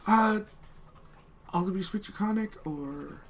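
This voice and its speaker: A man acts out a busy female dragonborn tavern keeper for a tabletop game. She is welcoming and apologetic, speaking in halting phrases at a slightly raised pitch. Clear background noise sits behind the voice. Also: full character voice. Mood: polite, welcoming. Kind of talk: improvised tabletop game role-play. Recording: clearly noisy room.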